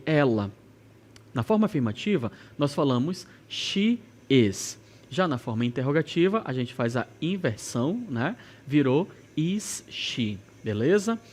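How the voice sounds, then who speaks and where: A man with a Brazilian Portuguese accent teaching an English lesson, reading example questions slowly and carefully. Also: medium pitch, darkish tone. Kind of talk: recorded classroom lesson.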